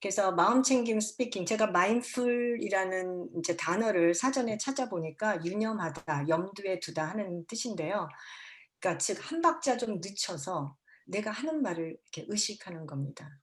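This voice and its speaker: A woman's voice: mid-range voice, animated, normal speed. Woman counselor giving a parenting lecture. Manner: acts out parents and children in quoted lines; mixes English words into her talk.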